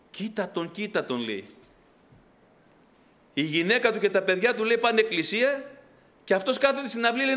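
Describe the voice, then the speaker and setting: High, bright-voiced fervent male preacher. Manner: fervent preaching, rising loud then dropping to soft storytelling. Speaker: pastor. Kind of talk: Pentecostal sermon.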